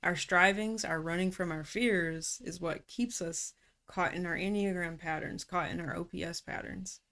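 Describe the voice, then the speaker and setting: Woman coach with a lowish voice, calm and reflective, easy casual phrasing, talking through rest and surrender. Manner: calm, unhurried, slips into casual slang. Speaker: personality typology coach.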